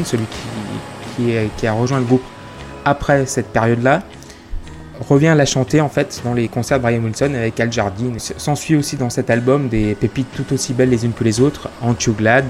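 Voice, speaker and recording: A man's voice: mid-range voice, darkish tone. Hesitant French man over background music. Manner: hesitant, many fillers and restarts. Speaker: host of a music chronicle. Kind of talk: casual spoken music review. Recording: music playing behind the voice.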